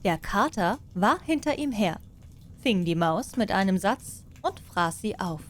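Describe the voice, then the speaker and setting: A woman narrates a fairy tale as an audiobook at a very slow, unhurried pace. Her delivery is calm and measured, her pitch in the ordinary middle range. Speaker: storyteller.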